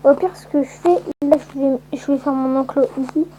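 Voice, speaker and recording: A woman's voice: high-pitched, steady tone, moderate pace, mellow, slight background noise, poor audio. A woman giving casual, rambling let's-play commentary with lots of hesitant fillers. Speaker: gameplay commentator.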